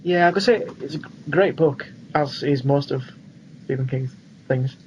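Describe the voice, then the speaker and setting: A young man co-hosts a podcast, chatting about films in an easygoing, agreeable way. His voice is medium-pitched and a little mellow at a normal speed, recorded on a dull lo-fi track with faint noise.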